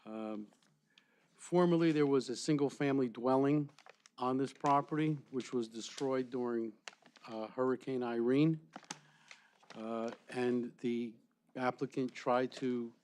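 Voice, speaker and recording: Mid-pitched man giving formal testimony. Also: a little slow, a little mellow, a little hiss or hum. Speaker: expert witness, civil engineer and planner. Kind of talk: formal testimony describing a site plan. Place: public board meeting room.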